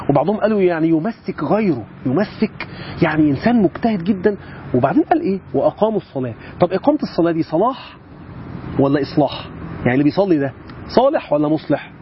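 A man's voice: fairly high pitch, muffled recording, slight background noise. A man with an Egyptian accent hosting a religious program, giving an emphatic Quranic reflection talk and asking rhetorical questions. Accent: Egyptian Arabic.

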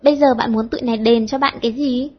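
A woman voicing a bossy teenage schoolgirl who leads her friends, brisk and mock-stern, with a husky tone. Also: on the high side, steady tone, muffled recording, noisy background, close to an everyday voice. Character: bossy, sharp-tongued teenage schoolgirl leader.

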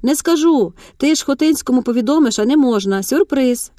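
A woman's voice: high voice, brisk, no room sound, clean studio sound, pitched above the performer's own voice. A woman voicing a chatty, cheerful female coworker who teases lightly. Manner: lively, teasing.

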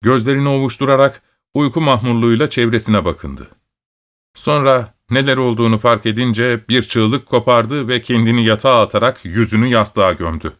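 A man reading a story aloud as an audiobook narrator, in a steady, measured storytelling manner. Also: mid-range voice. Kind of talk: scripted narration.

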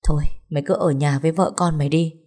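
Despairing young man on the phone, read by a woman narrator; low, dark tone, audiobook style. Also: fairly even intonation, fast talker. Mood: gloomy.

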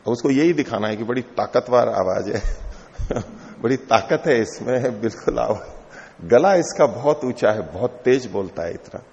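A man's voice: medium pitch, expressive, measured pace, vocal fry, a little mellow. A middle-aged man teaching a classical text, explaining each term patiently and going over it again. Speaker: teacher of philosophy. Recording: lo-fi hall recording with long reverb.

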